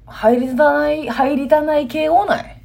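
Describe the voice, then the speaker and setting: A woman with a Kansai accent, hosting a casual comedy radio chat and firing off quick, bantering retorts. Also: sits high, fairly even intonation, creaky, darkish tone. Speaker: comedy duo radio host.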